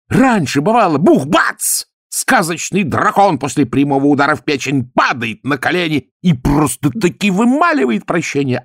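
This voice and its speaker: A man voicing a bombastic, flattering male swindler who talks in a florid, excitable way in an audiobook. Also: mid-range voice, no echo, clean studio sound, voice pushed up. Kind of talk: audiobook character voice.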